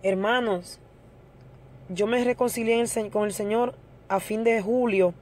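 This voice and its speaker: A woman's voice: on the high side, fairly even intonation, a little slow, darkish tone. A middle-aged woman giving an earnest testimony to a church congregation and addressing her listeners as brothers.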